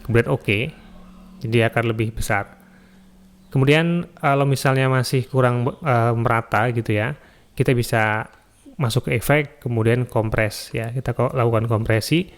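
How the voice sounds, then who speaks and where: A man hosting a screen-recorded software tutorial, explaining each step calmly and adding "ya" and "eh" often, recorded on a studio microphone. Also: mid-range voice. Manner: relaxed step-by-step explaining with frequent "ya" and "eh". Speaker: YouTube tutorial host. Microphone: studio mic through an audio interface.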